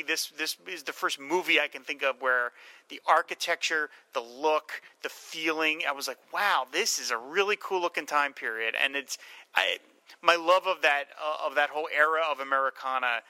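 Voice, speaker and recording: A man's voice: fairly high pitch, normal speed, sharp tone, no echo, poor audio. A man hosting a casual film podcast, speaking in an enthusiastic, emphatic way. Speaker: podcast host.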